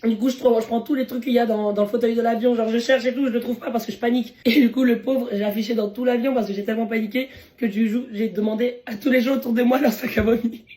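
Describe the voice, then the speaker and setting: Hoarse, fast-talking young woman vlogger. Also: fairly high pitch, steady tone, mellow. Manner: chatty, slangy, laughs often. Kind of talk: casual chatty food vlog.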